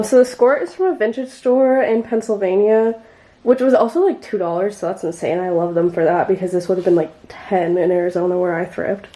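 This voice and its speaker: A woman's voice: medium pitch, warm tone, rough recording. A woman in her twenties vlogging in a chatty, rambling way, her voice congested and phlegmy from a cold. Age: 20s. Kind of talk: casual chat to camera. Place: car and around town.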